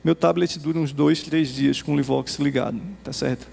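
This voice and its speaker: Brazilian guy giving a conference talk, super gravelly voice, long echo off a big hall. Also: on the high side, steady tone, darkish tone. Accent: Brazilian Portuguese. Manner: conversational, tags nearly every phrase with a quick "né?". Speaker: presenter demonstrating software. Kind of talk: conference presentation to teachers. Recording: reverberant hall.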